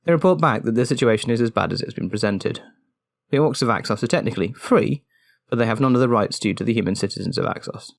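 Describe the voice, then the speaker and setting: A man reading scripted game lore aloud as a volunteer narrator, in a steady, even storytelling manner. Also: medium pitch, fast, creaky, dry recording, clean studio sound. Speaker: volunteer reader.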